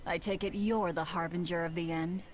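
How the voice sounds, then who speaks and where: Stern, low demon lord played by a woman. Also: fairly even intonation, brisk, a little hiss or hum, close to an everyday voice. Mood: stern, resolute. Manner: blunt, resolute. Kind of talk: scripted video game acting.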